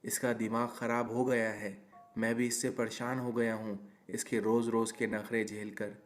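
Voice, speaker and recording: A man's voice: medium pitch, flat delivery, moderate pace, soft background music, close to an everyday voice. A man voicing a stubborn young newlywed husband in a cartoon story, grumbling and exasperated. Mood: irritated.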